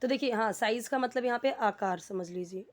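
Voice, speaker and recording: A woman teaching beginners. Her voice sits a little high, and she poses questions and then answers them herself. She speaks patiently and explains each step. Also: a little fast. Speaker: English teacher. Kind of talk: explaining a lesson.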